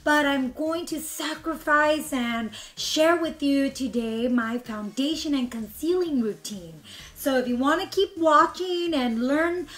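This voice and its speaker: A young woman who's slightly hoarse from being under the weather gives a bubbly, filler-heavy makeup tutorial in her bedroom with a couch. Her voice sits high and a bit bright, and she talks unhurriedly. She's filmed up close by a camera at arm's length in front of her.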